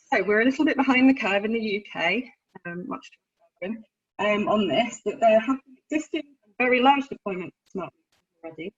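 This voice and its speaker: A woman's voice: medium pitch, slightly rough, dry recording. Woman on glitching call audio. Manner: chatty, explanatory, with fillers. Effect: glitching, cutting-out call audio. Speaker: presenter. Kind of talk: webinar presentation. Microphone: computer mic on a video call. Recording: dull lo-fi call audio, breaking up.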